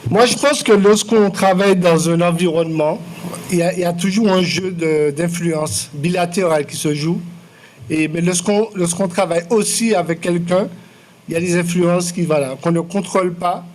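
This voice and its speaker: A man in his late forties from Martinique, an artist answering interview questions in a measured, hesitant way with many fillers and restarts. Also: high-pitched, slight background noise. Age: 40s. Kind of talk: public interview, hesitant and reflective. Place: lecture room.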